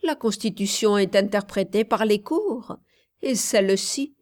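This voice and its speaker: Slow, measured woman reading a novel. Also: mid-range voice, lively intonation, darkish tone. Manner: slow, measured reading with dialogue voiced in a raised tone. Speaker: audiobook reader. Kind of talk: scripted narration.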